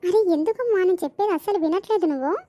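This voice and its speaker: A woman's voice: extremely high pitch, very fast, warm tone. A woman voicing a jealous, scheming young woman, with a complaining, resentful tone. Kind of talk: animated village comedy voicing.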